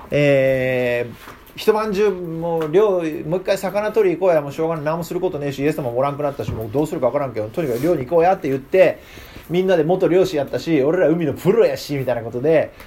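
A man's voice: a little high, animated, brisk, a little mellow. Man, casual Bible lesson, asks the group questions, faint background hiss. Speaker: Bible class teacher.

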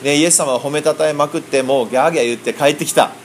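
Brisk, animated man. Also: fairly high pitch, slight background noise. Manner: animated, acts out quoted voices. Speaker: interpreter for a preacher. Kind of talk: interpreting a sermon in lively colloquial speech.

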